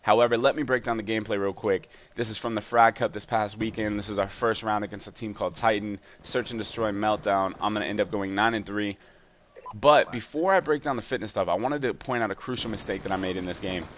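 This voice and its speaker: Young man, low voice, rapid casual gaming voice-over commentary. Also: a little hiss or hum. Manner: fast, energetic and chatty. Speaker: gaming YouTuber giving fitness advice.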